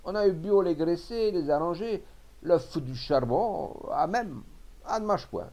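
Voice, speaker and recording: A man voicing a gruff, bullying older peasant farmer and mayor who talks in rustic country speech and barks orders. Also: sits high, animated, a little slow, mellow, pitched above the performer's own voice. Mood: insistent.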